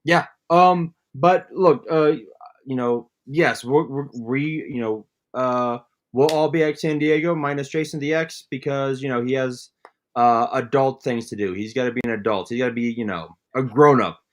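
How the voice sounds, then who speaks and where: A man co-hosting a casual livestream, rambling and halting with lots of fillers. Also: medium pitch. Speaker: co-host.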